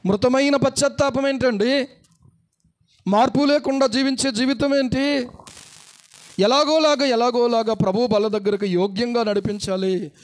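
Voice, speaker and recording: A man's voice: very high voice, steady tone, moderate pace, long pauses. A pastor from India preaching a sermon, repeating his points and pressing the congregation with rhetorical questions.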